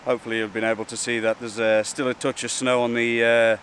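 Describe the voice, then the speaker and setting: Man, thirties, medium pitch, chatty hesitant vlog delivery, breezy hillside beside rushing water, light background noise. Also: level tone, fairly bright tone. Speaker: wildlife photography vlogger. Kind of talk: casual vlog to camera. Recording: outdoor wind, rushing water and traffic noise.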